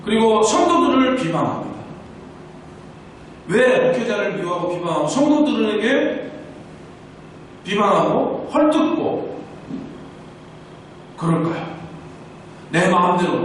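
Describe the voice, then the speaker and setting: A man preaches in a long-echoing church hall, heard from some distance off the mic. His voice sits high and swings widely up and down as he asks questions and answers them himself, with a faint hiss underneath. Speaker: pastor. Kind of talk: sermon. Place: church sanctuary.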